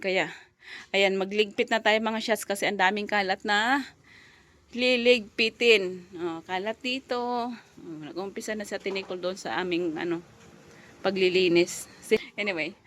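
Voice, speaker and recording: A woman's voice: medium pitch, moderate pace, long pauses, fairly bright tone, slight background noise. Chatty woman vlogging at home. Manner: chatty, mixing Tagalog and English. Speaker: vlogger and mother. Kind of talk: casual home vlog.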